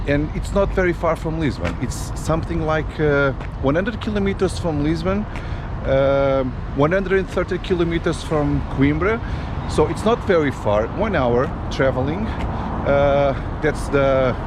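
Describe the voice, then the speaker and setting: Man vlogging on city streets. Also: mid-range voice. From Portugal. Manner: unhurried, many fillers and restarts. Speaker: travel vlogger. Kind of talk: casual walking tour vlog. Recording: street noise in background.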